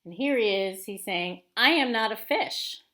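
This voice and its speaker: In a roomy, echoing space with faint background noise, a woman in her forties teaches children informally and reads aloud, keeping her explanations simple and expressive. She has a mid-range, expressive voice with a fairly bright tone, going a little slowly.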